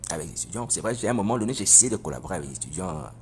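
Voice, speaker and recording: A man with a very low voice gives a spoken testimony, his pitch rising and falling in lively swings. He talks haltingly, repeating himself and checking in with listeners. Faint background noise sits behind him. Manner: halting, repeats phrases, asks listeners "you see?". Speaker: preacher giving a testimony. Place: living in Europe.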